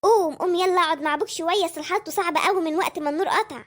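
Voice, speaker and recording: A woman voicing a gossipy, sharp-tongued mother in an Egyptian cartoon, with an Egyptian Arabic accent. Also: very high voice, racing.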